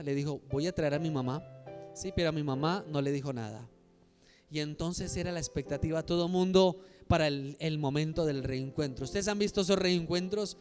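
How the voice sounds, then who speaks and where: A man's voice: fairly high pitch, darkish tone, in a large hall. A man from Colombia preaching a sermon as pastor, telling stories and building to emphatic calls to the congregation. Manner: storytelling, rising to emphatic exhortation.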